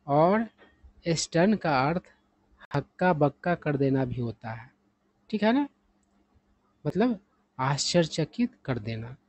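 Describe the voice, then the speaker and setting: A man's voice: a little high, a little mellow, dry recording. A man teaching English vocabulary, patient and repetitive, often asking the listener rhetorical questions. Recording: dull, lo-fi sound.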